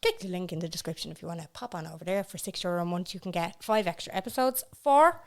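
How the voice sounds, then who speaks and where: Fast and animated, a young Irish woman with a lowish voice trades jokes and casual chat as a podcast co-host on a studio mic, laughing often.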